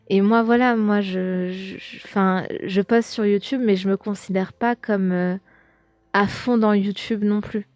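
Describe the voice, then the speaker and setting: A woman's voice: mid-range voice, a little mellow, no echo. A young woman hosting a podcast, chatting casually as she reads out viewer comments, with lots of fillers and restarts. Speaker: podcast host.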